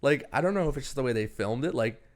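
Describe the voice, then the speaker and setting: Quick, excitable male co-host with a mid-range voice, jokey movie banter. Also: mid-range voice. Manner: fast, excitable, jokes and acts out characters. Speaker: podcast co-host. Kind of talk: casual movie review chat.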